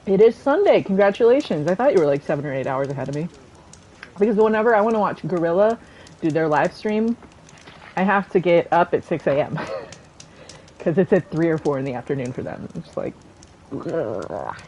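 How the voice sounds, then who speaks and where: A woman streaming a game from her home setup, chatting in a rambling way and thinking out loud into a desk microphone. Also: lowish voice, expressive, brisk, slight background noise, rough recording. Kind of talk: casual chat while gaming.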